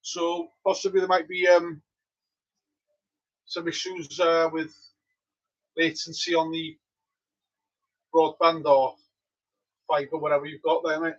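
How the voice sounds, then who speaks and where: On the high side and slow, with frequent pauses, this man's voice comes through with the highs cut off. A native Welsh speaker from Wales with a Welsh accent, he's livestreaming his homebrew brewday from his home brewery, relaxed and chatty as he answers viewers.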